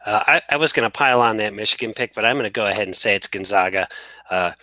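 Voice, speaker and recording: Bright, dry-voiced man hosting sports chat. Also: on the low side, fast, dry recording. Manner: joking, rambling, with frequent restarts. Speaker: podcast host.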